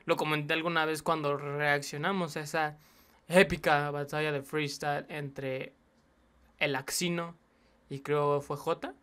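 A young man hosting a reaction video, chatting casually and excitedly, slipping English slang into his commentary. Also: a little high, measured pace, clean tone.

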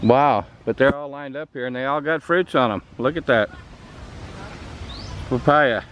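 A man's voice: mid-range voice, a little slow, dull audio. An older American man chatting casually as he walks a tropical garden with a handheld camera, pointing things out. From United States. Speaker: travel vlogger. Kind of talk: casual travel commentary. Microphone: camera mic, handheld. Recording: outdoor noise on camera mic.

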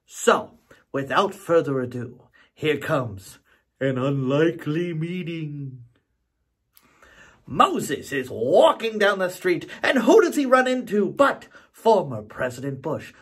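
A middle-aged man, an actor, telling a joke to camera from his home studio in an animated, theatrical way. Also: sits high, husky.

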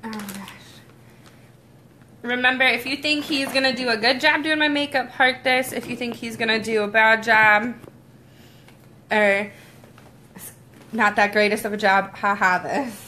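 A woman's voice: a little high, steady tone, measured pace, pauses often, sharp tone, slight background noise. A young woman chatting casually with her viewers on a livestream, giggly and talkative. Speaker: vlogger.

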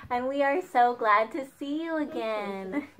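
A young woman leading a children's song lesson at home with a slow, sing-song, cheerful teacher voice. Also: high-pitched, expressive, a crowd in the background. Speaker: children's music leader. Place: home dining room.

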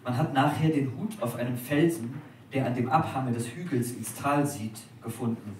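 Man giving an expressive literary reading. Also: medium pitch. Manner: measured, expressive. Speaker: reader. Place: restaurant at a live dinner reading. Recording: echoey room from a distance, faint noise.

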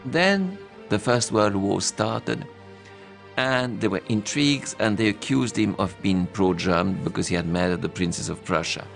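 A man with a gravelly, lowish voice recalls family history in an interview. He speaks slowly and deliberately over soft music. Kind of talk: interview recollection.

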